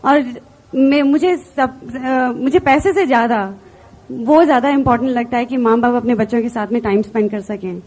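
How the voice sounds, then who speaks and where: A woman's voice: fairly high pitch, moderate pace, a little mellow. A woman from India giving an earnest motivational stage talk, telling personal stories and mixing in English words. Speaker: business seminar speaker.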